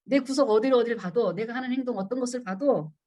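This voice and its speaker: This middle-aged woman's voice is a little high with a dark tone, and she talks fast while leading a church women's seminar. She re-enacts pleas she once made and poses questions to her listeners.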